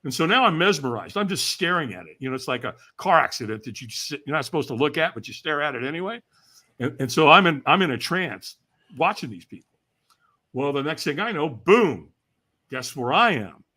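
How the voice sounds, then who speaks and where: Laughing along with his own tale, a sixty-something Californian podcast guest tells an energetic story and performs the voices of those he quotes. The voice is fairly high, very animated, and sharp, moving fairly quickly.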